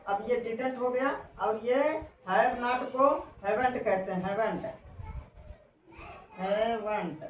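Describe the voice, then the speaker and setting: A woman English teacher giving a classroom lesson on contractions, spelling out letters slowly and repeating herself. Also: a little high, recorded from a distance. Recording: echoey room, voice from off-mic, faint noise.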